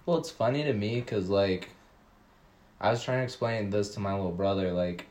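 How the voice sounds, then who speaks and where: Lowish voiced guy guesting on a chat, rambly, says like every other word. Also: a little mellow. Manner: rambling, halting, heavy use of "like". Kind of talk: casual chat.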